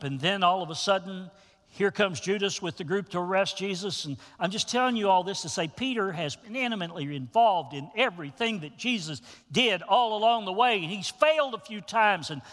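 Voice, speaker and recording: A man preaching a sermon to his congregation as pastor, telling the story with animated, folksy asides. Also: high voice, in a large hall.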